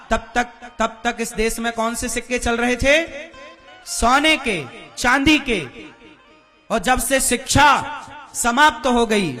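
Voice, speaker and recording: A man's voice: extremely high pitch, pushed and bright. A man preaching a devotional sermon to a live crowd, firing questions at the listeners and demanding answers. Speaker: religious preacher.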